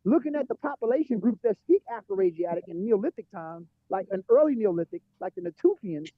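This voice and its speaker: Male panelist, very high voice, muffled bassy call audio, fast restless delivery. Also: very animated, no echo. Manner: rapid, repeats words as he restarts. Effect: muffled, dull sound with the bass left and the highs gone. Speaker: panelist in an online discussion. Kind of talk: casual debate.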